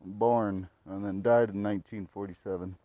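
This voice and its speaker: This vlogger's voice is on the low side, with a steady tone and moderate pace, and the audio sounds dull. He explores a graveyard outdoors at night, giving informal, fragmentary commentary on a noisy handheld recording that includes clicks.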